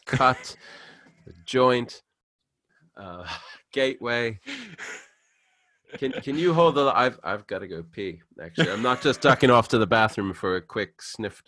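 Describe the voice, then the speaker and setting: A man's voice: medium pitch, lively intonation, unhurried, pushed and bright, dry recording, studio quality. A man co-hosting a podcast in casual chat, teasing and joking. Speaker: podcast co-host.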